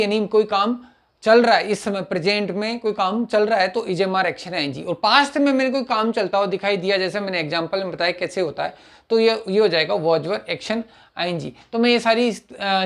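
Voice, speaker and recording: A man teaching spoken English in a casual lesson, explaining step by step with small acted dialogues and repeated examples. He talks haltingly, often pausing with "uh" and restarting words. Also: sits high. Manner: halting, with frequent "uh" fillers and restarts.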